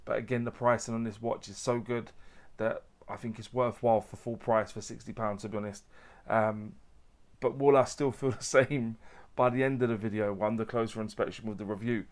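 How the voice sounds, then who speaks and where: A man's voice: fairly low pitch, fairly even intonation, brisk. A man hosting a casual watch unboxing review, chatty and loose, with fillers and restarts.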